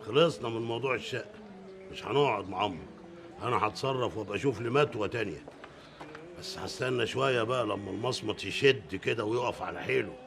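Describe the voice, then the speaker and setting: Here is the gravelly, bossy old Egyptian father from a TV drama, a quick-tempered man with an adult son who insists on taking a new wife. He speaks slyly in a fairly low voice, with background noise and score music behind him.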